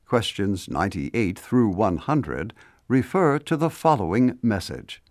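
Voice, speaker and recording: A man's voice: lowish voice, big pitch swings, a little slow, darkish tone, dry recording, studio quality. A man reading scripted exam instructions as a formal narrator. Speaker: listening test narrator.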